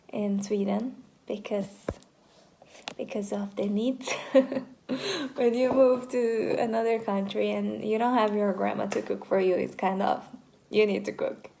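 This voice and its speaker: A woman's voice: mid-range voice, gravelly, darkish tone. A woman in her early twenties from Brazil with a Brazilian Portuguese accent, introducing herself in a hesitant, casual vlog. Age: 20s. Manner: hesitant, with fillers and restarts. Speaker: vlogger.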